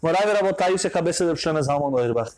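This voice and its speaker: A man with a Brazilian Portuguese accent giving a storytelling sermon as a religious teacher, stressing points by swinging his pitch up and down. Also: expressive, very fast, a little mellow.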